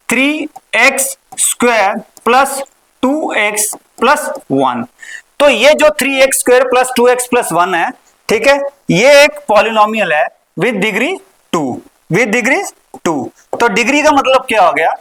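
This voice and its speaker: A woman's voice: on the high side, expressive, fairly bright tone, poor audio. Patient woman teaching maths, repeating terms. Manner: asks questions and answers them, repeats key words, mixes in English terms; slows and drags out key terms. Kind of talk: recorded classroom lesson.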